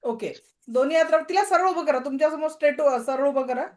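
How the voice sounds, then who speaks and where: Woman, reiki teacher, online class, video call, gentle repeated instructions, somewhat high pitch. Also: fast. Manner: gentle repetitive guided healing commands.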